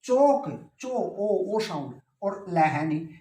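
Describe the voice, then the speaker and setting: A man's voice: high voice, expressive, takes it slowly, warm tone. A male English teacher giving a classroom pronunciation lesson, patiently repeating words and spelling them out letter by letter. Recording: roomy, distant mic.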